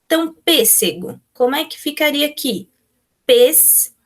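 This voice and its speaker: A woman's voice: fairly high pitch, normal speed. Patient Brazilian woman teacher. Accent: Brazilian Portuguese. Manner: patient, explains step by step, answers pupils' imagined questions. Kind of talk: remote class walkthrough of textbook exercises.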